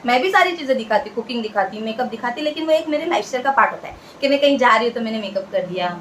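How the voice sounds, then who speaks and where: A woman's voice: fairly high pitch, animated, rapid-fire, fairly bright tone, slight background noise, rough recording. A woman from India, talking casually to the camera as a vlogger, earnest and chatty, repeating phrases for emphasis.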